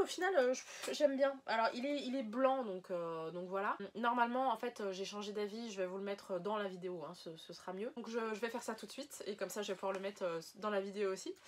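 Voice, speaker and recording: Chatty woman unboxing on camera. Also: mid-range voice. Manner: chatty, rambling, many fillers and self-corrections. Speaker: unboxing vlogger. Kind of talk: casual chat showing items to camera.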